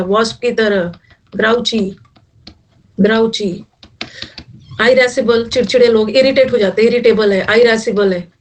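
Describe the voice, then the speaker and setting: A middle-aged woman with a fairly high voice teaches an online vocabulary class. She mixes Hindi and English and makes jokes to help words stick. Her voice sounds a little distant from the microphone. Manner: mixes Hindi and English, jokey memory tricks.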